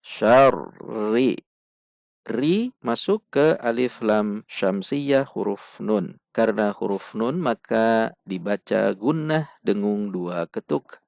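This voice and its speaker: A man's voice: on the low side, lively intonation, gravelly, darkish tone, no room sound, clean studio sound. A man teaching Quran recitation in a patient, step-by-step lesson, drilling syllables and counting beats aloud. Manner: chants verses in drawn-out melodic recitation. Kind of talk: slow step-by-step tajwid lesson.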